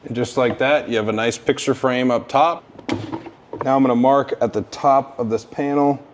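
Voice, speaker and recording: A man's voice: medium pitch, steady tone, moderate pace, a little hiss or hum. A man hosting a DIY channel, explaining a woodworking build step by step in an upbeat, casual way. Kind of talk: step-by-step DIY tutorial narration.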